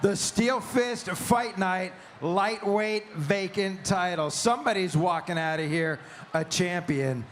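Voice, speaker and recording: A man with a high-pitched voice works as a booming fight announcer, hyping the crowd at a live event. There is faint noise behind him from the venue. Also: takes it slowly. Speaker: ring announcer.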